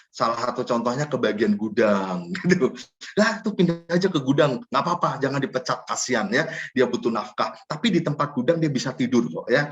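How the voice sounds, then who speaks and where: A man's voice: mid-range voice, lo-fi sound. A middle-aged man, giving a casual teaching talk with personal stories at a prayer fellowship, chatty and often adding little tag phrases.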